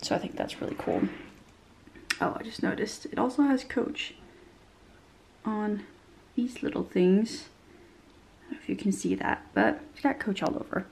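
Still a bit nasal after a cold, this young bag reviewer chats descriptively about a handbag in a small room, sprinkling in plenty of fillers. Her medium-pitched, slightly mellow voice swoops wildly, carries vocal fry, and moves at a moderate pace with frequent pauses.

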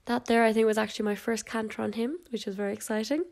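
This young woman, an equestrian vlogger, narrates her horse videos with a cold that leaves her congested and nasal. She speaks quickly in a fairly high, flat, slightly mellow voice with vocal fry, chatting casually with fillers and little laughs.

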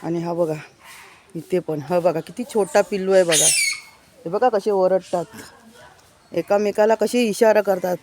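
A woman's voice: lowish voice, fairly even intonation, unhurried, long pauses, a little mellow, a little hiss or hum. A woman, chatting on a casual walking-tour vlog around her village house and yard outdoors, pointing things out to viewers as she goes. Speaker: village vlogger.

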